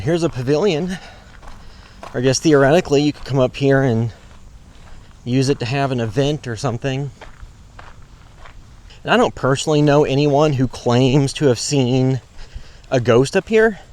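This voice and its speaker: A vlogger wandering through a park talks off the cuff in a mid-range, darkish voice at a moderate pace with long pauses. His narration is hesitant, rambling and matter-of-fact, and outdoor ambience and road noise come through clearly.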